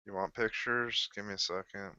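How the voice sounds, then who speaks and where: A man chatting casually on a panel voice call, talking in halting bursts with restarts. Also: lowish voice, steady tone, bright, forceful tone, highs cut off. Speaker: podcast panelist. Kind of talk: casual chat.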